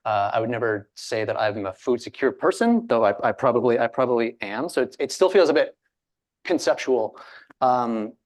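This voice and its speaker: A man from Alberta moderates a panel in a loose, chatty way, stopping to restart his sentences and joke at his own expense. His voice sits at an ordinary middle pitch. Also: lively intonation, moderate pace. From Alberta, Canada. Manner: chatty, self-deprecating, many fillers and restarts.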